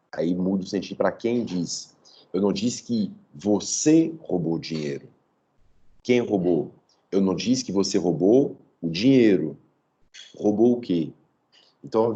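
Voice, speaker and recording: Dark husky-voiced man lecturing. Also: fairly low pitch, lo-fi sound. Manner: didactic, checks in with "tá?". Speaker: professor. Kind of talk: online lecture. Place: home. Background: dog nearby.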